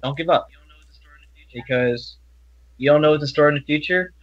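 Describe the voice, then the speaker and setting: A young man speaking earnestly as an interview guest, halting and often restarting his sentences. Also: fairly high pitch. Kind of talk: personal interview talk. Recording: dull, lo-fi audio.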